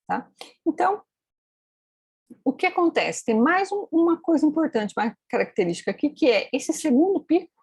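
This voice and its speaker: A woman's voice: high voice, sing-song, moderate pace, darkish tone, no room sound. A woman teaching phonetics in a screen-recorded tutorial, explaining step by step and checking in with tag questions. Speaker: phonetics instructor.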